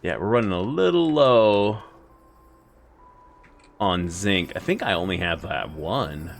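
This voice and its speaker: A man's voice: sits low, big pitch swings, slow pace, vocal fry. A man hosting a casual let's-play video, chatting to himself as he plays. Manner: chatty, talks to himself while playing. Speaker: gaming video host.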